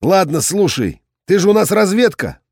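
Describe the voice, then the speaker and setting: A hot-tempered company commander who barks and commands in a raised voice, as a male narrator plays him. The pitch swings widely, and the sound is dry and close like a storybook. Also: very animated, moderate pace, husky, no room sound, exaggerated voice. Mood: commanding. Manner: shouting, commanding. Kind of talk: audiobook character voice.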